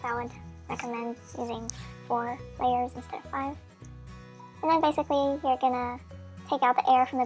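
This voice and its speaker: A woman's voice sped up into a chipmunk voice, giving a chatty, friendly craft how-to voice-over with small slips. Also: high-pitched. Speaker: craft tutorial maker.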